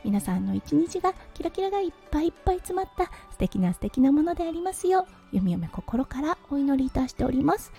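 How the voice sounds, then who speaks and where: A woman's voice: high-pitched, sing-song, quick pace, vocal fry, hardly any pauses, warm tone. A Japanese woman hosting a casual solo audio show, chatty with frequent little fillers, faint music behind. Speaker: podcast host. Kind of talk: casual solo radio talk.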